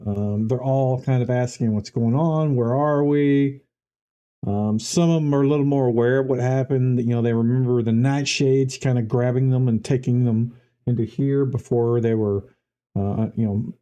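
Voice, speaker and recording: Very dark-voiced male game master. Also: medium pitch. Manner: loose, conversational scene-setting. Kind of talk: narrating a tabletop game.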